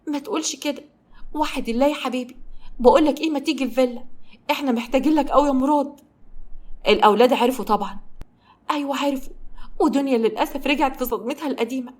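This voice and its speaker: Brief: woman voicing tearful Egyptian young mother, pleading, higher and fast, audio story. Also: a little mellow. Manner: pleading, holding back tears.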